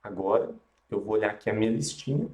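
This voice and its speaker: A man with a Brazilian accent teaching yoga and meditation on a live stream, speaking in a gentle, calm, instructional way with unhurried pauses. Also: lowish voice, roomy sound, low-quality recording. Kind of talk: calm instructional talk and guided relaxation.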